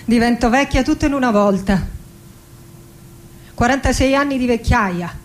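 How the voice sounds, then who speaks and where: An actress with a high-pitched voice performs a theatrical radio monologue as an anguished, lovesick 46-year-old Argentine poet facing death. Her delivery is intimate, dramatic, and bitter, with long pauses. Acoustic guitar music plays behind her voice, along with slight background noise.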